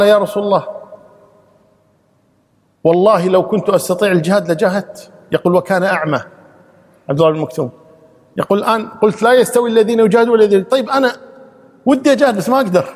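A man's voice: high voice, big-room sound. A man, a sheikh giving an emphatic Quran exegesis lesson, reciting verses and repeating key phrases.

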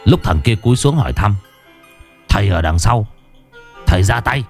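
Man doing a low, menacing old villain. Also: animated, moderate pace, soft background music, natural voice. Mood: scheming. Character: ruthless scheming male village elder.

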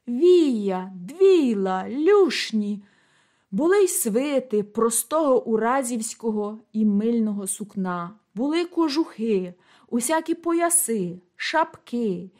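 A woman reading a classic story aloud as scripted narration, measured and lively in delivery. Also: fairly high pitch. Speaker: audiobook reader.

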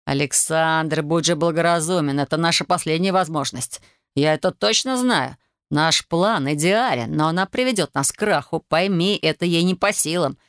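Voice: medium pitch, normal speed, a bit bright, clear, resonant tone, no echo, studio quality, natural voice. A reader voicing pushy wounded soldier. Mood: persuasive. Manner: insistent, urgent persuading. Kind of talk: audiobook character voice.

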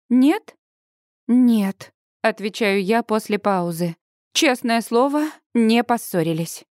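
A young woman narrating a novel in the first person with a lively, expressive reading. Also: on the high side, dry recording, studio quality. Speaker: audiobook narrator.

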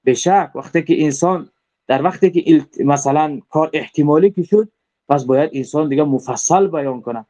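A man's voice: a little high, warm tone. A man with a Tajik Persian accent gives a religious creed lesson, explaining step by step with repeated rephrasing and frequent hesitant fillers. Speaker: religious teacher. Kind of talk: lecturing on creed. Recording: dull lo-fi recording.

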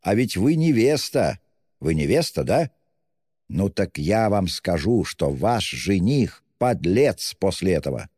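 A man doing a loud, tipsy young man. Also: sits low, big pitch swings, a little slow, slightly rough, dry recording, studio quality, big-room sound, heavily acted. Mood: effusive. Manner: shouting, effusive, self-abasing. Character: drunk, excitable young man, loud and gushing.

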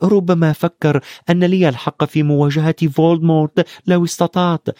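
A man's voice: a little high, brisk, warm tone, no room sound, studio quality, pitched above the performer's own voice, close to an everyday voice. A man voicing a thoughtful, brave young schoolboy in an audiobook, talking in an earnest, reasoning way. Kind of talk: audiobook character voice.

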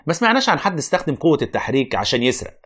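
A man's voice: on the high side, very animated, rapid-fire, fairly bright tone, slightly rough, full character voice. An actor playing a wry, reluctant, learned Egyptian man who argues, explains and narrates in a radio play. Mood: explaining.

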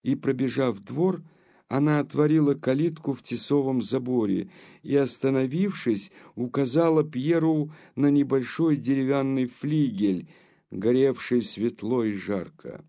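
Slow, gravelly male narrator. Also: mid-range voice, warm tone. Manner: slow, measured storytelling. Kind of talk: audiobook narration of a classic novel.

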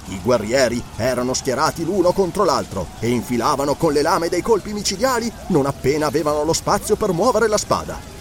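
A man narrating an adventure audiobook in a dramatic, expressive reading style. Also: on the high side.

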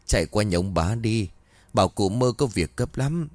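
A man's voice: on the low side, expressive, normal speed, a little mellow, no room sound, natural voice. A man voicing a grieving, frantic old village woman who wails and pleads urgently.

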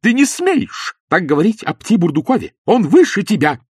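A man's voice: mid-range voice, sing-song, normal speed, slightly rough, no room sound, studio quality, pitched above the performer's own voice. A man voicing an irritable, impatient wife who answers curtly. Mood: shrill. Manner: curt, impatient. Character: irritable, cool-headed wife leaving her husband.

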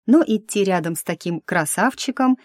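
A woman's voice: medium pitch, animated, moderate pace, no echo, studio quality. A woman narrating a fantasy novel in the first person, wry and lightly ironic. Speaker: audiobook narrator.

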